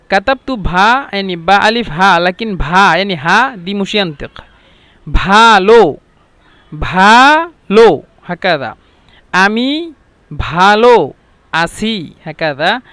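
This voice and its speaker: Guy teaching phrases, high smooth voice, says yani a lot. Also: pushed and bright, dry recording. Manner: speaks colloquial Arabic, frequent "yani". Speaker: language teacher. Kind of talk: language lesson, repeating phrases slowly.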